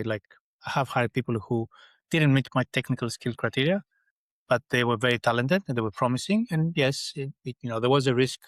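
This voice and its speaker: This middle-aged engineering leader from Greece speaks at a medium pitch with no echo on the recording. As a guest in a conversational podcast interview, he considers his words carefully and frequently starts over.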